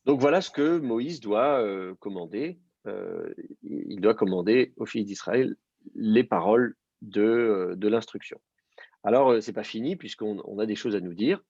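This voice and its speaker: A man's voice: fairly low pitch, lively intonation, unhurried, creaky, a little mellow, breathy edge, no room sound, muffled recording. A man teaching a language class, explaining step by step and quizzing his student. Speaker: Hebrew teacher. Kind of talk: live class instruction.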